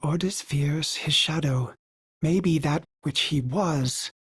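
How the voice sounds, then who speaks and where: Slow and slightly rough, these game character lines portray a courteous, fussy male starship AI speaking of himself in the third person. A glitchy synthetic filter colors the performer's voice, which carries dry wit, a wistful tone and abrupt pitch jumps. The recording has no room sound.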